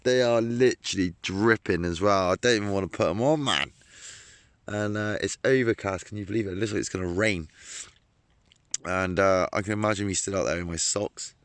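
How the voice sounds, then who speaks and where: A man's voice: lowish voice, a little fast, clear, resonant tone, no room sound. A young man vlogging to a camera on a tripod while fishing outdoors by a lake. He chats casually, swears and laughs often.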